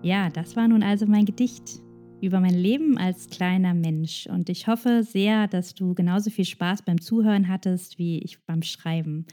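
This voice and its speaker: A woman reciting her own rhyming spoken-word poem with an ironic, lively delivery, then talking directly to her listeners. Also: fairly low pitch, moderate pace, faint music behind.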